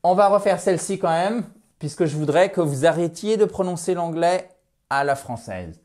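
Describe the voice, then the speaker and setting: Energetic French man teaching English pronunciation. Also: on the high side. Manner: energetic, emphatic, drawn-out English demo phrases. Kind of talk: lively pronunciation lesson.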